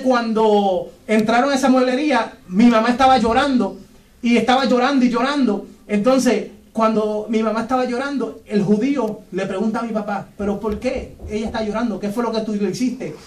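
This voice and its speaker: A man's voice: very high-pitched, recorded from a distance. A male evangelist, preaching a radio sermon as a personal testimony, fervent and storytelling, at times breaking into tongues. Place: radio station studio. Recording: echoey room, voice off-mic.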